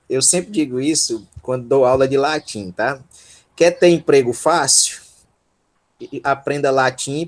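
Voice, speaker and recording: Slow patient Brazilian Portuguese teacher, man. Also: fairly high pitch. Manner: slow, patient, syllable by syllable, checks in with "tá?". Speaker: Greek language teacher. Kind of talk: online workshop lesson.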